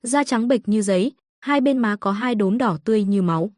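A woman reading a story aloud as narrator, voicing all the characters in a mostly even narrating voice. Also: fairly high pitch, brisk, no echo, studio quality. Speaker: audiobook narrator.

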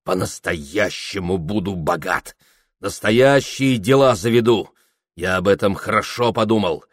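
A boastful, awkward young man, as an audiobook reader plays him, talks eagerly about the riches he means to win. The voice is low and close, recorded dry. He sounds keen and sure of himself, and sulky when teased. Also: expressive, unhurried, dry recording. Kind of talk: audiobook character reading.

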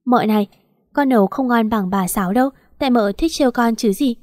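A woman's voice: fairly high pitch, fairly quick, a little mellow, no echo, studio quality, close to an everyday voice. A woman doing a devoted young servant girl. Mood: cheerful. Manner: chirpy, then shrieking in panic.

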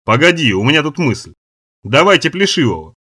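Cold raider boss, as a man reads him, calm and bossy, a bit husky. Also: a little high, brisk, full character voice. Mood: cold command. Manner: calm, commanding. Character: cold, ruthless male raider leader.

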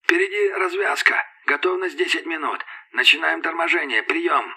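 Brief: terse, hoarse man on a radio, voiced by the narrator, thin tinny transmission, sharp and raspy. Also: fairly high pitch, moderate pace, voice pushed up, full character voice. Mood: curt. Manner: clipped, businesslike. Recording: tinny radio walkie-talkie sound.

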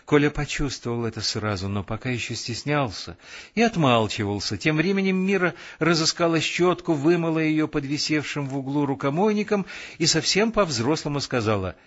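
Calm male audiobook reader. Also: a little high, normal speed, lo-fi sound. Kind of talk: audiobook narration.

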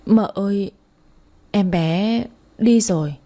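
A tearful young maid in a spoken storybook, put on by a woman narrator. She coaxes and pleads with her mistress in a soft, husky voice. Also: mid-range voice, moderate pace, natural voice. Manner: pleading, coaxing.

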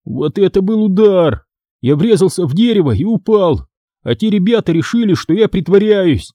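A whiny, boastful young boy from a spooky storybook, talking in a raised, sulky voice, as a man reads his part. The voice stays dark and a bit husky, with a dry sound. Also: high-pitched, sing-song, normal speed, no room sound, pitched above the performer's own voice. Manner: whining and protesting.

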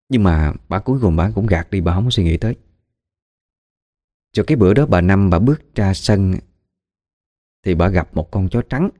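A man's voice: sits low, mellow. A man with a Southern Vietnamese accent telling a ghost story in a chatty, gossipy way.

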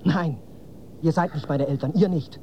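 A man's voice: on the high side, normal speed, lo-fi sound, a little hiss or hum, natural voice. An actor playing a brooding, arrogant teenage boy in a radio play, curt and dismissive. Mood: defiant.

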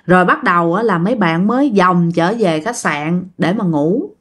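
A woman's voice: lowish voice, moderate pace. A woman telling a ghost story in a chatty, casual way, often addressing her listeners.

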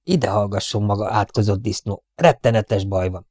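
A man voicing a whiny, tearful male gangster in a storybook reading, with a high, whimpering voice. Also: darkish tone, no room sound, studio quality, natural voice. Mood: whining, indignant.

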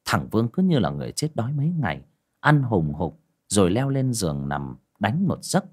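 A man's voice: fairly low pitch, very animated, moderate pace, a little mellow, husky. A man narrating a horror story for an audiobook, telling it expressively.

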